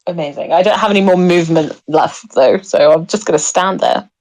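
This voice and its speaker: A woman's voice: fairly low pitch, a little fast, darkish tone, rough recording. A woman playing a tabletop game, chatting casually and thinking aloud.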